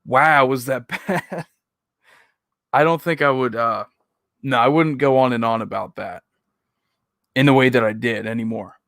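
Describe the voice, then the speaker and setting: A man with an average-pitched voice gives casual reaction commentary. He rambles conversationally and is critical of himself. The recording is dry, with little room sound. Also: measured pace, gravelly, long pauses, fairly bright tone, dry recording. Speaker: video host reacting to own old videos.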